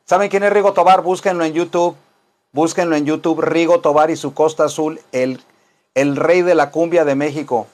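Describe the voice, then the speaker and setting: Mexican guy teaching english live, kinda high voice, goofy tangents. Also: fairly even intonation, moderate pace, darkish tone. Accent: Mexican Spanish. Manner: playful, rambling, teasing asides to viewers. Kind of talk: joking live-stream English lesson.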